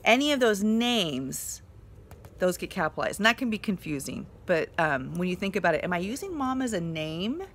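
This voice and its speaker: Woman teacher, kids' grammar lesson, lively pitch, slow and encouraging. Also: a little hiss or hum. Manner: slow, encouraging explanations with fillers. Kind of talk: online grammar lesson for children.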